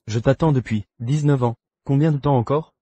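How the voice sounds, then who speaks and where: Man doing a smug secret lover, dark mellow voice, mid pitch, dry sound. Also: moderate pace, breathy edge, dry recording, close to an everyday voice. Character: sly secret lover, middle-aged man. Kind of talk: French drama dub.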